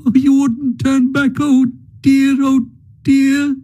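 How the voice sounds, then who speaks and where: A man's voice: very high voice, animated, measured pace, mellow, pitched above the performer's own voice, exaggerated voice. A man reading aloud and voicing a small, timid male mole who is crying, stammering and pleading. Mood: grief-stricken.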